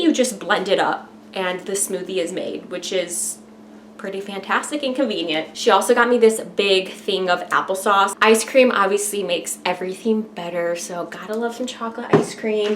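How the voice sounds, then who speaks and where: A woman's voice: medium pitch, a bit bright, slight background noise. A woman talking casually and directly to viewers in an informal, chatty vlog style. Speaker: vlogger.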